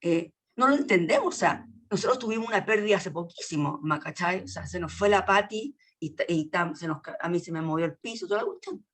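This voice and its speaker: A woman's voice: on the low side, animated, fairly quick, few pauses, slightly rough. A woman with a Chilean accent speaking in a casual group discussion, frank and colloquial, often restarting her sentences. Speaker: colloquium participant.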